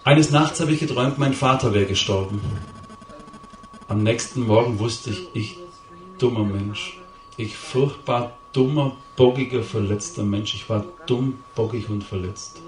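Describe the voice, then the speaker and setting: A man's voice: medium pitch, unhurried, a little mellow. A middle-aged man speaks to a crowd in a roomy hall, and his voice carries from some distance from the mic. He tells a confessional story with intensity and hammers home key words by repeating them. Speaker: lay preacher giving his testimony. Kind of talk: emotional testimony speech to a live audience.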